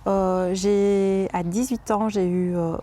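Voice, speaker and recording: A woman's voice: mid-range voice, steady tone, slow, warm tone. A woman in her late twenties from Liège with a Belgian French accent, telling her life story hesitantly, with many fillers and restarts. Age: 20s. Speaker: interviewee, home nurse. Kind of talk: casual personal storytelling. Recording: faint background noise.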